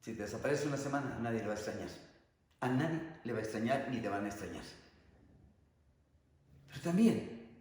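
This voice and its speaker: A priest in his sixties giving a sermon, emphatic and drawing out key words slowly. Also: mid-range voice, expressive, a little mellow. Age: 60s. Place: church. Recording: echoey church with long reverb.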